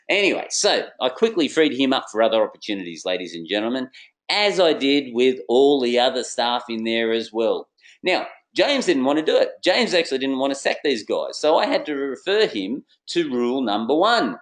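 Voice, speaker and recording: A middle-aged man, a business consultant, telling a case story to an audience in a theatrical way and acting out the dialogue. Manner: lively, theatrical, acts out dialogue with swinging pitch. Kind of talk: animated storytelling presentation to an audience.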